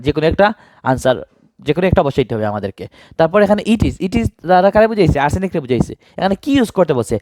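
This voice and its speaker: A man's voice: high voice, darkish tone, dry recording. A man teaching an exam-prep grammar lesson, asking questions and answering them himself.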